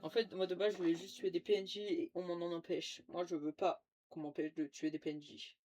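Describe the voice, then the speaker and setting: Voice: medium pitch, little pitch movement, a little fast, darkish tone. A streamer of unclear sex giving casual live game commentary as a raging gamer, griping and taunting with mock threats. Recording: clearly noisy background with clicks.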